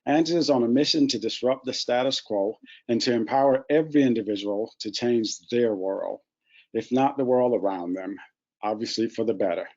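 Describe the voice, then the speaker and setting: Male webinar host, measured scripted delivery, dull online-call sound. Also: mid-range voice, darkish tone. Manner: formal, measured introductions. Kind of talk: reading scripted introductions. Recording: muffled lo-fi webinar audio.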